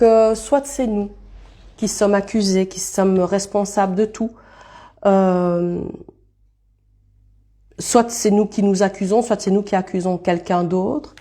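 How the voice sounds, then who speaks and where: A woman's voice: medium pitch, dark tone. A woman giving a casual live card reading, thinking aloud as she turns cards and greeting viewers by name. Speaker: card reader streaming live.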